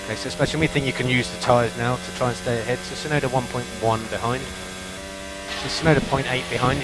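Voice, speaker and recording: A man's voice: medium pitch, noisy background. A man working as a race engineer, giving concise, repeated instructions over race car team radio. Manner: concise, repeats key calls.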